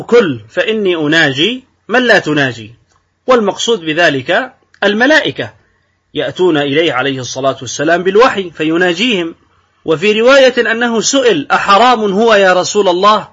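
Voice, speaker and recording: Husky-voiced man giving a religious lesson. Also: on the high side, pushed and bright. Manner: explanatory, reads texts slowly then explains word by word. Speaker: Islamic scholar teaching a hadith text. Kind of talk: recorded religious lesson commentary. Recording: dull lo-fi recording.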